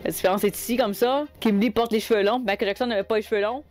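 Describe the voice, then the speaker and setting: Fast-talking Québécois woman vlogger. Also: mid-range voice, steady tone, darkish tone. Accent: Québécois French. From Quebec. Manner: chatty, exasperated, quick asides. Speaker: cosplay vlogger. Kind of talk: casual storytelling to camera.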